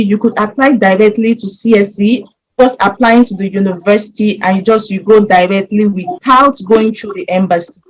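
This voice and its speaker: Speaking straight to her audience, a woman from Nigeria walks through scholarship application tips in a calm, methodical explainer. Her voice sits at medium pitch, and the recording quality is low.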